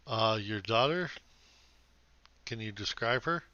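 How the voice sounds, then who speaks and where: A man's voice: fairly low pitch, lively intonation, takes it slowly, sharp tone, dry recording, muffled recording. A man playing a tabletop game, speaking hesitantly. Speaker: player.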